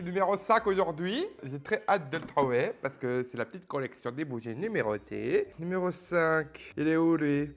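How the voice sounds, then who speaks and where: A man chatting casually to his viewers in a joking, playful way while unboxing gifts. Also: medium pitch. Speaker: youtuber opening advent calendars. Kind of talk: casual vlog chat to viewers.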